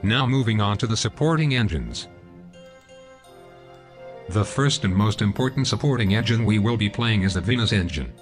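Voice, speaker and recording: Low male text-to-speech robot voice. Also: lively intonation, normal speed, long pauses, faint music behind. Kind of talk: scripted card game deck explanation.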